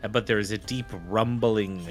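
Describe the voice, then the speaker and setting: A man running a tabletop role-playing game as game master, narrating in a casual, halting way. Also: lowish voice, fairly even intonation. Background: background music.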